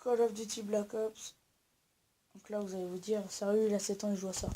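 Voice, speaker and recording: A woman's voice: mid-range voice, flat delivery, fairly quick, background noise. A young woman filming a casual home-tour vlog, rambling with many fillers and restarts while she is sick. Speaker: YouTuber. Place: at home indoors.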